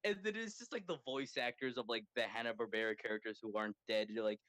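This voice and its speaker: A man co-hosting a podcast, chatting casually in an excitable, rambling way, full of "like" fillers. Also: medium pitch, fast talker, no echo. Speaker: podcast co-host. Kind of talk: casual chat.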